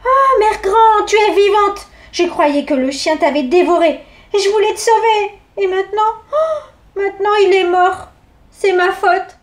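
A woman voicing an excitable young girl in a read-aloud storybook, shrill and quick to exclaim. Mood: tearful.

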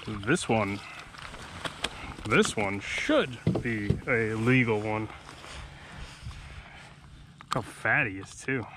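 Speaking very slowly with long pauses, this man has a lowish yet animated voice, and there's background noise. He's in his thirties, fishing alone from a kayak outdoors on a calm open sea and giving a relaxed commentary to himself between casts. An action camera on the boat records him.

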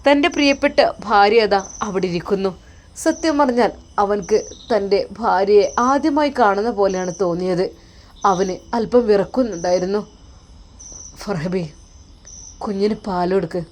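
A woman's voice: mid-range voice, normal speed. Earnest woman storyteller, Malabar accent. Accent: Malabar Malayalam. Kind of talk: emotional religious story narration.

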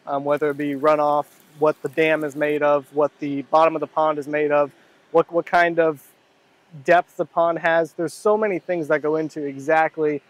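A man's voice: fairly high pitch, fairly even intonation, normal speed, no room sound, poor audio. A young man from Oklahoma explaining a pond renovation on site, earnest and explanatory, sometimes repeating words as he thinks. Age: young adult. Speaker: pond builder. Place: outdoor construction site by a pond, heavy machinery nearby. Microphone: handheld phone camera at arm's length. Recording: outdoor recording with clear machinery noise.

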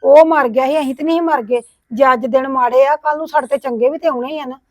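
A woman's voice: sits high, quick pace, darkish tone, no room sound. A middle-aged woman acting a complaining widowed sister-in-law in a village family drama. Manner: complaining, scolding tone.

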